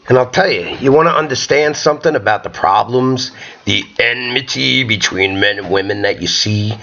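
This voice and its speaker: A man doing a profane stand-up comedy rant, jumping into shrill voices to act out characters. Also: creaky, fairly bright tone, breathy edge, lo-fi sound. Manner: profane, ranting, acts out characters in sudden high voices.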